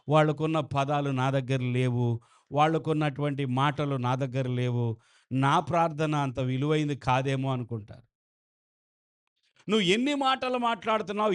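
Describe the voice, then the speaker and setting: A man preaching a sermon as pastor, slow and emphatic, who often turns to ask the congregation questions. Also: mid-range voice, smooth. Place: church.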